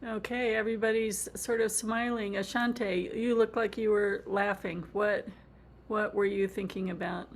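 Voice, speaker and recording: A woman teacher leading a group discussion, asking open questions in a gentle way. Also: medium pitch, steady tone, unhurried. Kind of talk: guiding a group reflection.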